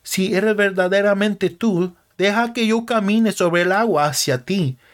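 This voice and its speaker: Peter, an eager male disciple, read by a man in a light, fairly high everyday voice. The words are read plainly, with little put-on character. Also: a little slow. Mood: earnest.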